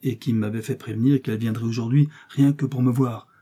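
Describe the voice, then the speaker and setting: Man doing a swaggering musketeer, pompous, boastful, mellow husky tone, storybook reading. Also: mid-range voice, steady tone, brisk, close to an everyday voice. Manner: pompous, self-important.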